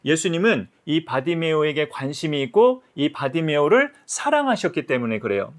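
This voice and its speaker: A man with a high voice gives a Sunday school sermon. He tells the story gently, as if speaking to young friends. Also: very animated, moderate pace. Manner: gentle, addressing children as friends.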